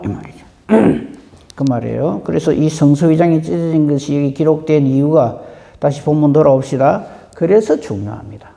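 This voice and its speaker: A man preaching a dawn prayer sermon in a conversational way, often clearing his throat and asking the congregation questions. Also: on the high side, mellow, big-room sound. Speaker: pastor.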